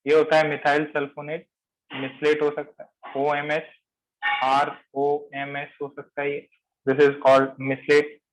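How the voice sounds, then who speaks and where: A man's voice: on the high side, completely flat delivery, slow, poor audio. A man teaching a chemistry class, repeating key terms and quizzing his students, mixing in English phrases. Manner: mixes English phrases into Hindi explanation. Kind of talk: classroom lecture.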